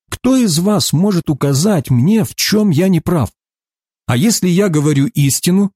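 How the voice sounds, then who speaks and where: A man reading the words of a calm, earnest male teacher in a solemn, emphatic way. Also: a little high, breathy edge, dry recording, studio quality, full character voice.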